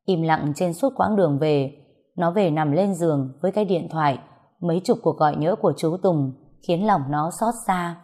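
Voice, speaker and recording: A woman's voice: on the low side, moderate pace, mellow. A woman reading a story aloud as scripted narration, voicing all the dialogue in her own voice.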